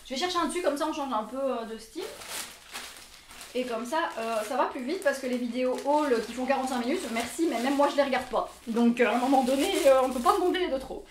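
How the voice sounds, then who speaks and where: A woman's voice: high voice, quick pace, slight background noise. Chatty Belgian woman in an echoey room. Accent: Belgian French. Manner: chatty, self-mocking, laughs often. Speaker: fashion vlogger. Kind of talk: casual try-on haul chat. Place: bedroom with mirror. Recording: echoey room, mic at a distance.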